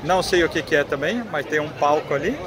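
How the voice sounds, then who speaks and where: This man in his thirties, a travel vlogger with a Brazilian Portuguese accent, talks at a quick pace in a slightly high voice while walking through a busy town square and park. Chatty and pointing out sights, he records casual vlog narration on a phone held at arm's length, with crowd and street noise.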